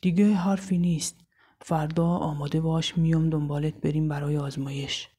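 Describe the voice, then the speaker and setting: A proud, cold older man from an audio storybook, voiced by a woman narrator. He speaks slowly in a thick, husky, manly tone, curt and mocking, and rarely softens. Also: low-pitched, fairly even intonation. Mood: stern.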